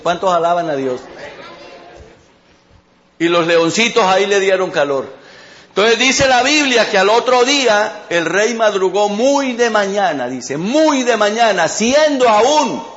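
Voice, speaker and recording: A man's voice: high voice, fairly bright tone, muffled recording. A man pastor preaching a sermon. He tells a Bible story and keeps calling out to the congregation. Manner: storytelling with repeated call-outs to the congregation.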